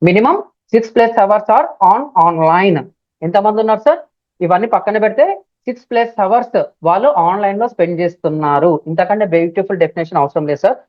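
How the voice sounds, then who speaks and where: Woman trainer, Telugu accent, live online class; loud and emphatic, repeats and spells out terms; muffled, dead-dry audio. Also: mid-range voice, fast talker, no room sound. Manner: spells words out letter by letter. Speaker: digital marketing trainer. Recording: dull, dry lo-fi stream audio.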